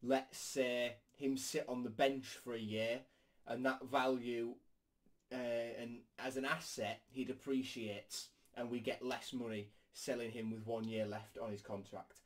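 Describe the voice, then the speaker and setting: A man's voice: mid-range voice, level tone, unhurried. Young man talking with retainers in, tired. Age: young adult. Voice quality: slightly impeded speech from wearing retainers. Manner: tired, weary. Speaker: football fan vlogger. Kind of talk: casual chat to camera. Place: small bedroom, indoors.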